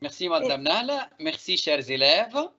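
Slow, bright Egyptian man teacher. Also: high voice, wildly swooping pitch, dull audio. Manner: slow, deliberate drilling of phrases. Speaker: French teacher. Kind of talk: exam review lesson.

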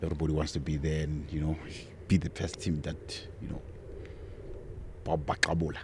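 A middle-aged man co-hosting a football podcast outdoors, relaxed and laughing often, repeating words as he talks, speaking into a mic on a stand. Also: rumbling low, fairly quick, background noise. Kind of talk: casual football talk. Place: outdoors on a sunny football field. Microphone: handheld mic on a stand.

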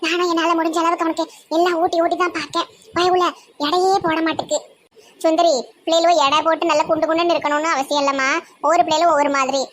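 High-voiced Tirunelveli woman, gossipy. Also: little pitch movement, quick pace, a little hiss or hum. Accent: Tirunelveli Tamil. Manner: scolding, gossipy village talk. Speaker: comedy sketch performer. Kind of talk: slang comedy skit, many roles.

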